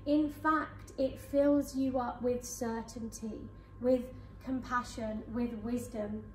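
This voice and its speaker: A woman hypnotherapist leading a guided hypnosis session for a live audience in a conference room, speaking in slow soothing suggestions. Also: a little high, fairly even intonation, slight background noise. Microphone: far camera. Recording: echoey room from far off.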